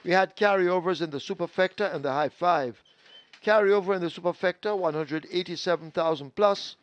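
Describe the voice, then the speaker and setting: A man reading out racing payouts over the intercom as a racetrack announcer, measured and steady. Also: sits high, no echo. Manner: measured, reads out figures steadily. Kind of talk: public address results announcement. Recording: dull lo-fi dry PA feed.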